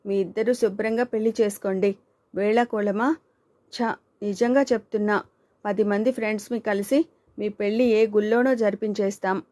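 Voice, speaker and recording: A woman's voice: medium pitch, steady tone, moderate pace, close to an everyday voice. A woman voicing Kanchana, an outspoken young woman who scolds and urges her friend, in an audiobook reading. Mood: urging. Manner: scolding, urging, sharp retorts.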